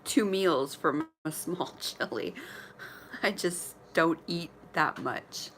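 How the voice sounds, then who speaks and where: A woman in her forties talks to her followers on a livestream from indoors at her mother's apartment, her voice notably low yet fairly bright in tone, her pace slow. Candid and chatty, she laughs a lot and occasionally talks with food in her mouth, over a faint hum of room noise.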